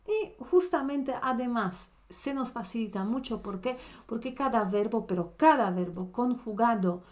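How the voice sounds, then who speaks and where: Slow, patient woman teaching a language. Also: on the high side, animated, darkish tone. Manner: patient, explains step by step, quizzes the learner. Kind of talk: online language lesson.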